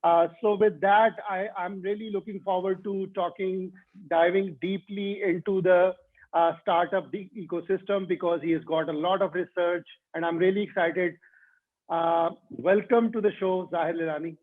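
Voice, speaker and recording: A man's voice: high voice, steady tone, normal speed. A man hosting a podcast interview, speaking hesitantly with many fillers and restarts. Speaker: podcast host. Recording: tinny phone-like line.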